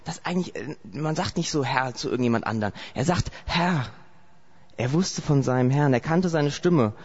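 A man's voice: mid-range voice, a little fast, darkish tone, husky. A man from Saarland preaching a sermon, telling the story vividly and asking repeated rhetorical questions, in a dull lo-fi recording. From Saarland, Germany.

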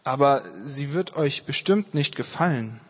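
A man voicing a vast, dignified supercomputer who speaks slowly and gravely in a storybook reading. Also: medium pitch, lively intonation, fairly bright tone, big-room sound. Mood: solemn, measured. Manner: slow, measured, grave. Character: vast solemn male supercomputer, calm and dignified.

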